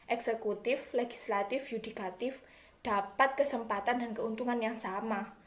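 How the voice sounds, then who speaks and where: A woman performing a theatrical satirical monologue as a smug, self-righteous corrupt official, with hammy, declamatory delivery and drawn-out emphasis. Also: on the high side, close to an everyday voice. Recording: echoey room.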